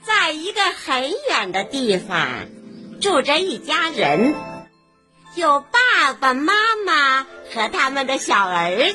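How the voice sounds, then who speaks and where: A woman narrating a children's story in an expressive, animated way. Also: sits high. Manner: expressive and animated, slow-paced.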